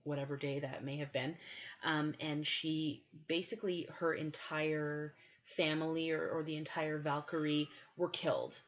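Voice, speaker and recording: On a dull lo-fi recording, a woman co-hosting a podcast chats casually and with enthusiasm. Her voice is deep, her delivery flat, and her pace a little slow.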